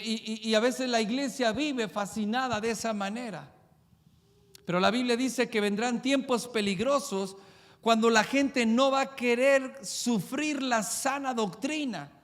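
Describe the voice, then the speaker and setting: A male pastor, preaching a sermon with emphatic, rapid-fire rhetorical questions. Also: high voice, in a large hall.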